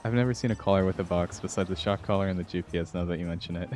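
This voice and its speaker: A man's voice: sits low, very fast, darkish tone. A man chatting casually and playfully with viewers as he hosts a gaming livestream. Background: music.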